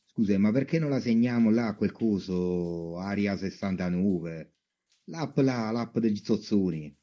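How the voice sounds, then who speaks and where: A man's voice: on the low side, animated, measured pace, dark tone. A man playing a werewolf gas station attendant who grumbles in slangy, everyday speech and stubbornly refuses. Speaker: guest.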